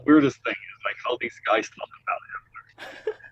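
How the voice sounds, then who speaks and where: A young man from the Philippines chats on a podcast in a relaxed way, chuckling and trailing off into asides. His voice comes through a dull, muffled online call, dry and close. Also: medium pitch, brisk, slightly rough, no room sound. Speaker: podcast co-host. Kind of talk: casual chat.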